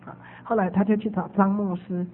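A woman preacher telling a testimony as a storytelling sermon, animated and repeating her phrases. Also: medium pitch, fairly quick, slight background noise. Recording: phone-like radio broadcast with long reverb.

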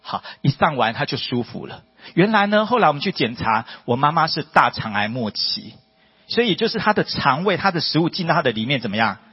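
In a church hall, a man preaches a testimony sermon to the congregation, speaking briskly with a breathy edge. He is emphatic, fires off rhetorical questions and climbs to high, excited peaks. The audio is dull and lo-fi, with long hall reverb.

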